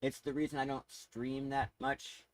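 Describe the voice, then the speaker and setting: A man's voice: mid-range voice, level tone, measured pace, dry recording, poor audio. A man streaming live, chatting casually in a rambling, easily sidetracked way with frequent laughs. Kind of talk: casual livestream chat.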